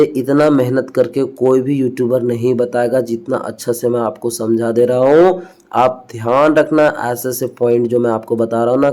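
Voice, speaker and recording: A man's voice: mid-range voice, a little mellow. Upbeat man teaching an English lesson. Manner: drills words aloud, repeats them, asks and answers his own questions; upbeat, encouraging. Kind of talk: classroom-style online lesson.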